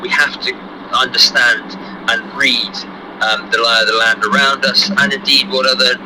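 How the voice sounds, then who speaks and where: An experienced jockey speaks in a measured, hesitant way, full of fillers and restarts. His pitch is mid-range. He is recorded outdoors, with clear traffic and ambient noise behind him. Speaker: experienced jockey and racing official. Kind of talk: interview answer.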